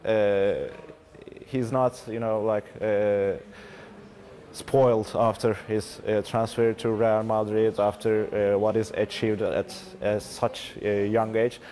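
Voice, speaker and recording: A man's voice: fairly low pitch, level tone, takes it slowly, dark tone. A man answering an interview hesitantly, with many fillers. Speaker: interviewee fan.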